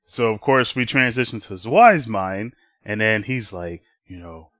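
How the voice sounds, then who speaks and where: Brief: young male podcast co-host, casual and rambling, animated pitch, dry close sound. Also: measured pace, no room sound. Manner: rambling, acts out characters' lines in playful voices. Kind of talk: casual recap chat.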